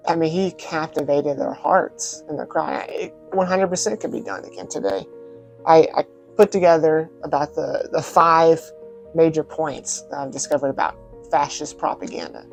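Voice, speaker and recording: A man on the high side with vocal fry talks at normal speed over faint music, and the audio is poor. As a film-review host, he gives casual, emphatic vlog commentary, repeating words for stress.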